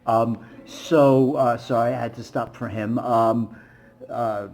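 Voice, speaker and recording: A man's voice: mid-range voice, slow, vocal fry. A man, a busking musician, telling stories casually to camera in a rambling way with many fillers. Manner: rambling, many fillers, animated when retelling.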